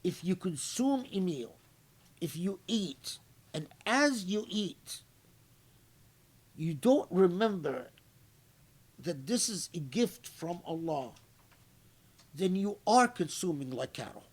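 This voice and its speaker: Slow, reflective male scholar lecturing. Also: high-pitched, very animated, slightly rough. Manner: halting and reflective, with frequent restarts; recites Arabic phrases between English explanation. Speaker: scholar giving Quran commentary. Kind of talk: unscripted lecture commentary.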